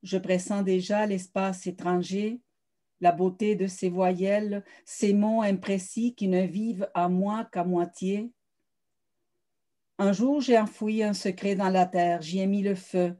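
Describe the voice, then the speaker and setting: Woman, poet reading her own work, even and level delivery, warm dark tone. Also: mid-range voice. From South America. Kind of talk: poetry reading.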